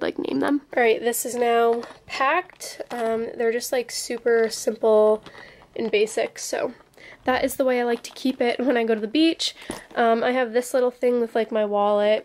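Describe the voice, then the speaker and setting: A woman's voice: fairly high pitch, a little mellow. A woman in her twenties chatting casually to her camera at arm's length in her bedroom, with lots of ums and likes. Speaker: vlogger. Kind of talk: casual vlog chat. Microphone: handheld camera at arm's length.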